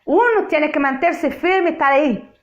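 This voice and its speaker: A woman's voice: sits high, moderate pace, muffled recording. A woman from Portugal with a Portuguese accent, Portuguese native, giving an emphatic, repetitive spoken testimony sermon. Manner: emphatic, repeats phrases for effect.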